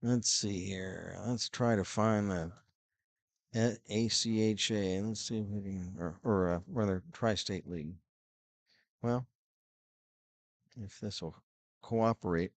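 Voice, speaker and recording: Filling time during a hockey broadcast, a middle-aged man reads viewer messages in rambling, filler-heavy chat. He speaks slowly in a lowish voice and pauses often, with no room sound.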